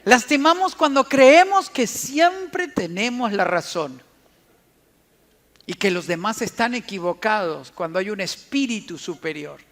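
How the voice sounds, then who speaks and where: Slow, emphatic male preacher. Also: high voice. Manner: animated storyteller, repeats words for emphasis. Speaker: family counselor and speaker. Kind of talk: sermon-style talk on family and forgiveness.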